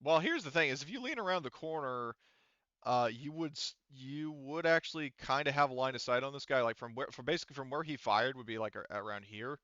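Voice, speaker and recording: A game master with a bright, smooth, mid-range voice talks players through a tabletop game, a little fast, explaining rules casually and thinking aloud. The recording is close and dry with no echo and sounds slightly dull.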